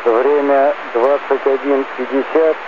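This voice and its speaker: A man's voice: medium pitch, flat delivery, unhurried. A man working as an air traffic controller, giving formal procedural instructions over the radio. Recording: tinny narrow radio channel with static.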